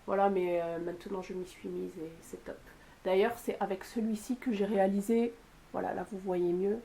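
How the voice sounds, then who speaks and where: A woman vlogger chatting casually to camera about makeup she bought, with lots of fillers and pauses. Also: mid-range voice, steady tone, gravelly, mellow. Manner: chatty, with frequent fillers and "voilà". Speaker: beauty youtuber. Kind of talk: casual product haul talk to camera.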